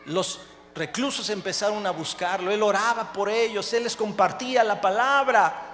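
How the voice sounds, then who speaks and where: A preacher with a fairly high voice tells a story in his sermon, climbing from calm narration to shouted praise. He is recorded live in a church hall with a long reverb and a faint hum of noise. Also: moderate pace.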